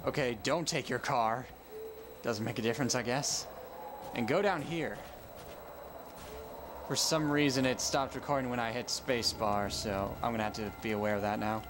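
A man's voice: mid-range voice, fairly even intonation, normal speed, long pauses. A young man giving casual commentary on a game he is playing, rambling and often correcting himself mid-sentence. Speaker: let's play gamer. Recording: home recording with noise.

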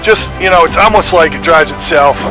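A man's voice: fairly high pitch, brisk, poor audio. A middle-aged man chatting casually and enthusiastically while test-driving a vehicle he built, speaking through a headset. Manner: enthusiastic, exclaiming. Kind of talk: casual chat. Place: inside a tracked vehicle cab, outdoors in snow. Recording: music playing under the voice.

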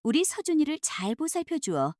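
A woman voicing a stern older nobleman father who speaks in a measured way. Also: high voice, very animated, a little mellow, dry recording, studio quality. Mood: softened.

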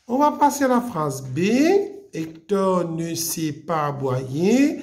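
Woman teacher, slow patient grammar lesson, bouncy pitch. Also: sing-song, a little mellow. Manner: patient, explains step by step and repeats key points.

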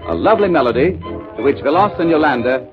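A man's voice: a little high, very animated, fast talker. A male announcer giving scripted promotional narration, heard as an old 1930s radio broadcast. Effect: old 1930s radio broadcast sound. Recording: dull lo-fi 1930s radio recording with music.

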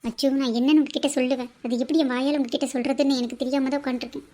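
A woman plays a young sister-in-law in a cartoon drama who stalls and apologizes before she gives up a hard secret. Her voice sits quite high, and a steady hiss runs under the recording. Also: racing, natural voice. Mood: hesitant, anxious. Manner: hesitant and apologetic.

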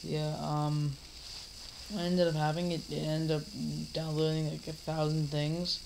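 A teenage boy coming down with a cold rambles through a home vlog from a recliner in a dim living room, full of fillers and restarts. His voice is a little high, monotone, and creaky at a measured pace, and there's background noise. He mock-scolds an imaginary heckler.

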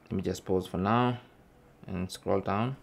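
A deep-voiced man with a steady tone and some vocal fry presents a tech tutorial at a slightly slow pace. He narrates methodically and informally, step by step, often tacking "okay" onto his phrases.

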